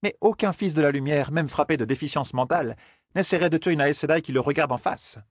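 A man voicing a stern older sorceress who lectures her young charges, in a husky voice for an audiobook. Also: fairly high pitch, fast talker, dry recording, clean studio sound, voice pushed up. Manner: scolding, lecturing. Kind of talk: audiobook character voice.

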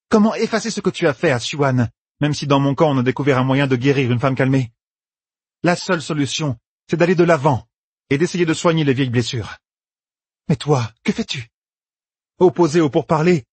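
A man's voice: fairly high pitch, a little fast, breathy edge, no echo, voice pushed up. A man doing a cool defiant young woman. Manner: cool, questioning, cutting. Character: calm defiant young woman captive, sharp-tongued.

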